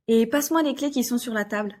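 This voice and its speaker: A woman performing scripted everyday dialogues for learners, brisk and bossy. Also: a little high, darkish tone.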